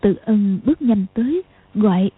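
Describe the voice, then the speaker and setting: A woman narrating a martial arts novel as an audiobook in a steady, dramatic reading. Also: medium pitch, moderate pace, breathy edge. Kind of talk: storytelling narration. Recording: tinny lo-fi audio.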